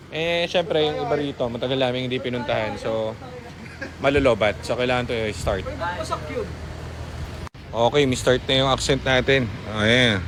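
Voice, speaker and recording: A man from the Philippines, a used car seller, chatting and joking as he shows off cars in a casual vlog at a parking garage. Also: mid-range voice. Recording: noisy outdoor ambience.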